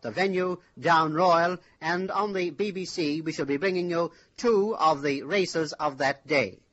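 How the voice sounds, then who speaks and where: A man presenting a sports programme in a formal, measured manner, heard from an old archive radio broadcast. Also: a little high, fairly bright tone. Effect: old radio show from an archive. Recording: dull lo-fi archive radio recording.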